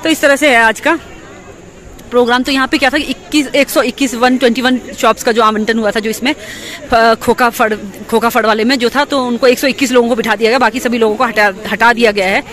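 A woman's voice: a little high, steady tone, a little fast, fairly bright tone. A woman walking through an outdoor market and vlogging on a handheld phone. She talks casually, repeats herself and corrects herself as she goes. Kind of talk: walking market tour vlog. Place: busy outdoor hill-town market. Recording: crowd noise from a busy street. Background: crowd chatter.

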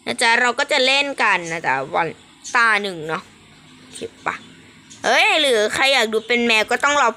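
Young woman streamer, bright and bouncy, playful game commentary, high and lively. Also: moderate pace, slight background noise. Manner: animated, squealing exclamations, playful. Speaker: gaming streamer.

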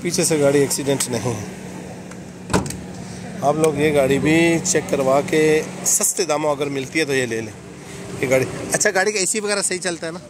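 A man's voice: a little high, moderate pace. A man filming a walk-around vlog at an outdoor used car market, chatting with sellers and repeating their numbers back. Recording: outdoor street noise and engines.

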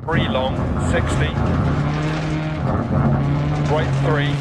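A man playing a focused rally co-driver, calling rapid pace notes in terse, clipped, instructional phrases. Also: fairly high pitch, steady tone. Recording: loud car engine noise. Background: racing car engine and road noise.

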